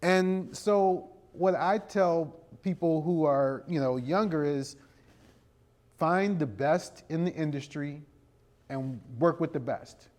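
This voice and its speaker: He takes his time, his fairly high voice a little mellow, as this middle-aged American creative director and video producer answers questions conversationally for a live audience. His explanations are dotted with check-ins like "you know" and "right?"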